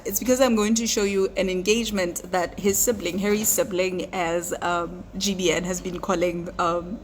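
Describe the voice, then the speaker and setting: A woman's voice: fairly low pitch, a little hiss or hum. A woman commenting on royal news in a casual, sarcastic vlog style, with plenty of fillers. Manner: sarcastic, chatty, many fillers and laughs.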